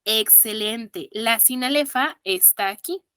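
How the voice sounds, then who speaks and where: A woman's voice: on the high side, slow pace, sharp tone, clear, resonant tone, no room sound, clean studio sound. A woman with a Mexican accent teaching an online exam-prep class, counting syllables aloud and praising her students patiently.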